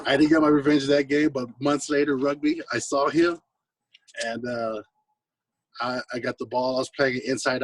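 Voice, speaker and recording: A guest American singer-songwriter, from the West Coast and Hawaii, tells laid-back anecdotes in casual, slangy talk. His mid-range voice is husky. The recording is rough and taken from a distance, yet has no echo.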